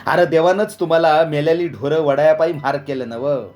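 A man's voice: a little high, steady tone, moderate pace, darkish tone, soft background music, pitched above the performer's own voice, close to an everyday voice. A man voicing a contemptuous village moneylender who growls and sneers in a raised voice. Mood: sneering.

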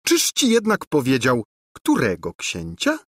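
A man voicing a scheming older woman housekeeper who talks in a hushed voice. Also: medium pitch, wildly swooping pitch, unhurried, dry recording, clean studio sound, voice pushed up, full character voice. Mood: sly. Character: scheming whispering female housekeeper.

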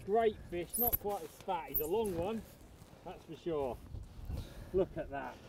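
A man's voice: high-pitched, expressive, a little slow, warm tone, slight background noise. A middle-aged man, chatting in an upbeat, matey way on a riverbank. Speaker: angler and co-host. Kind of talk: casual outdoor chat. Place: riverbank outdoors. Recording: outdoor voice with music bed underneath.

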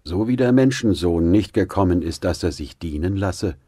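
A man reading the words of Jesus in a scripture audiobook, in a solemn, measured way. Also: deep voice, expressive, mellow, husky, no echo, studio quality. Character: Jesus, calm authoritative male teacher.

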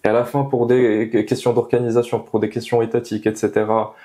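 Interviewed indoors in a small meeting room on a lapel mic, a young engineer earnestly drives home his views, repeating central phrases. His voice is mid-range and mellow, fairly quick, with a level tone.

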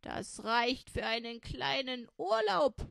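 A woman voicing a greedy, bossy old woman in a children's storybook, scolding in a shrill voice. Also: animated, takes it slowly, vocal fry, fairly bright tone, no room sound, studio quality, exaggerated voice. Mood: gloating.

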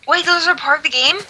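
A woman chatting excitedly during a game with friends, given to gasps and squeals. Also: very high voice, rough recording. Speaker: gamer. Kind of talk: casual chat while playing.

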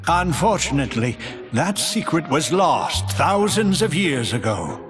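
An actor playing a wise old wizard mentor in a video game, grave, measured and stately. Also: male voice, on the high side, very animated, over music.

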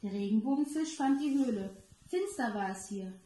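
A daycare educator, a woman, reading a children's story aloud slowly and clearly. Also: fairly high pitch, animated, mellow. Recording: roomy echo.

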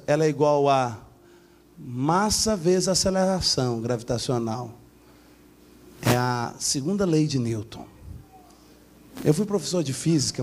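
Male pastor, higher-pitched, lively storytelling sermon in a church. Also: breathy edge. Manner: animated storytelling, acting out voices with big pitch swings.

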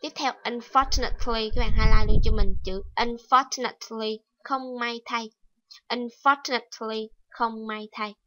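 Woman teacher, fairly high voice, slow explaining lesson, repeats key words, dry close sound. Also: fairly even intonation, sharp tone, no room sound, poor audio. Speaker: English teacher. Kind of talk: TOEIC reading lesson.

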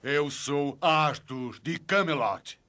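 A man's voice: a little high, slow pace, background noise. An actor playing a noble, resolute king with a Brazilian Portuguese accent, speaking in solemn, regal declamation for a dubbed film. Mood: solemn resolve. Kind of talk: dubbed film drama acting.

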